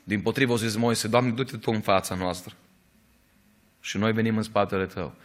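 A man preaching a sermon in an earnest storytelling way, rising at times to emphatic, louder peaks. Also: on the low side, fairly even intonation.

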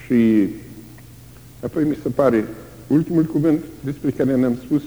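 An older man preaching a sermon, dramatic and lively, sometimes crying out the screams of the tortured. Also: mid-range voice, highs cut off. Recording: long hall reverb.

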